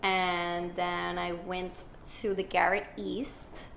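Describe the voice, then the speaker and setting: A woman's voice: on the low side, flat delivery, slow, creaky, fairly bright tone, a little hiss or hum. A woman guest on a podcast, chatting casually about her weekend. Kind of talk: casual chat.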